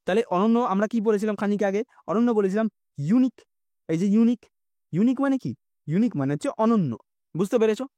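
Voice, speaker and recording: Male teacher, Bengali accent, patient explainer, high animated pitch. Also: fairly quick, dry recording. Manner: explaining patiently, keeps asking "understood?". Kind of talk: exam-prep English lesson.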